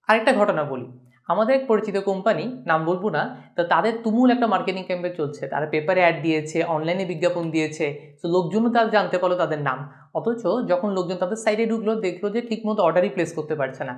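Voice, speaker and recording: Bangladeshi woman instructor, rapid lecture delivery, slightly low pitch, brisk explainer. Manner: brisk explaining, mixing English terms. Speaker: course instructor. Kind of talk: online lecture.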